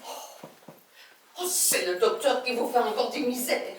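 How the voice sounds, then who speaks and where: A woman's voice: a little high, measured pace, close to an everyday voice. An actress playing a chatty, gossipy female patient of a cosmetic clinic in a live stage comedy. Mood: confiding. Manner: chatty, confiding, knowing. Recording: echoey stage from far off.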